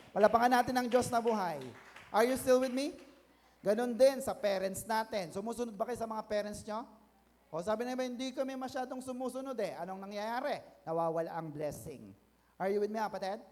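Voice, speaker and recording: A Filipino man preaching a sermon as pastor, mixing English phrases in and calling out for amens, rising to loud declarations. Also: sits high, big-room sound.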